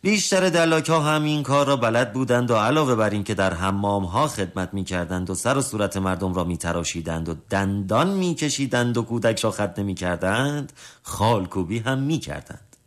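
A man reading a storybook tale aloud in an expressive, lively narrating voice. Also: on the low side.

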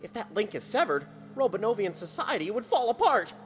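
A woman's voice: medium pitch, sing-song, brisk, close to an everyday voice. Casting: woman as eager kid reporter, earnest boyish sidekick, retro space radio adventure, music underneath. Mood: worried. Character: earnest young boy cub reporter sidekick. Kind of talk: retro sci-fi radio drama acting.

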